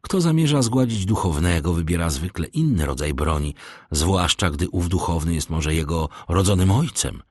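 A man voicing a suave, worldly count who speaks in measured, urbane tones, read in an audiobook. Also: sits low, lively intonation, husky, dry recording. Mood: persuasive. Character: suave worldly male count, persuasive host.

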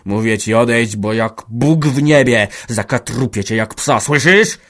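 A man voicing a stern old farmer who shouts threats at his son in a read-aloud village story. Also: medium pitch, lively intonation, a little slow. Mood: threatening. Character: stern old male farmer, furious father.

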